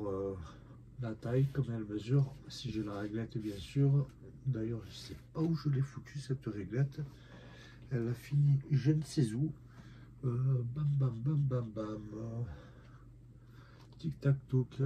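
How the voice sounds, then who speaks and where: A figure collector with a head cold reviews a figurine in a casual unboxing vlog, his low, fairly flat, mellow voice sounding nasal. He talks to his viewers hesitantly, filling pauses with lots of "euh." A faint hiss runs beneath the audio.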